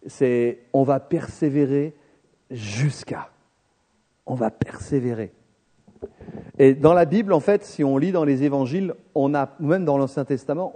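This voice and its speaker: A man preaching a sermon, talking straight to his congregation and telling the story with lively, acted-out voices. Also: a little high. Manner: animated storytelling, addresses the congregation directly; acts out the people in the story with shifting voices.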